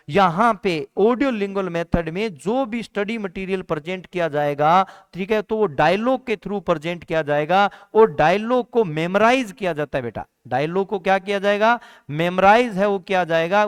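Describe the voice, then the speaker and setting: A man's voice: fairly high pitch, smooth. A man teaching an exam-prep lecture, asking and answering his own questions and repeating key points. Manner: calls students "beta" in a warm teacher's tone.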